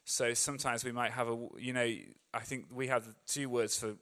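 Preaching a sermon, a man from England chats with the crowd, tossing in jokes and performing voices, and he acts out optimists with mounting energy. His mid-range voice is bright and forceful, delivered flatly at a moderate pace.

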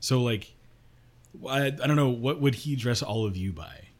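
A man playing in a tabletop game, describing his character's actions in a slow, laid-back way. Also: mid-range voice. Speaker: player. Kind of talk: tabletop role-play.

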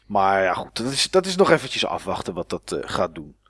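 A man's voice: low voice, sing-song, fairly quick, fairly bright tone, husky, no room sound, studio quality. A man co-hosting a podcast in casual chat about games, rambling with many fillers and restarts. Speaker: podcast co-host.

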